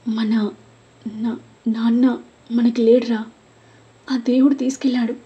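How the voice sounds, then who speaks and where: Woman as a sad, gentle older sister, soft husky voice, storybook tone. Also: mid-range voice, level tone, fairly quick, muffled recording. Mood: grieving. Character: young woman, burdened, caring elder sister.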